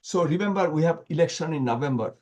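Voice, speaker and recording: High-voiced man, animated and sarcastic. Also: quick pace. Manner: animated, repeats himself with many restarts. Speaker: guest commentator. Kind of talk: interview.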